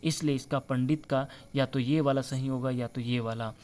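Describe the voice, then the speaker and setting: A man teaching a spelling lesson over slides, slowly spelling out letters and often reminding viewers to remember. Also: mid-range voice, steady tone, darkish tone. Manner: repeats the word for friends and reminds viewers to remember; slow deliberate spelling-out of letters. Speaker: Hindi teacher.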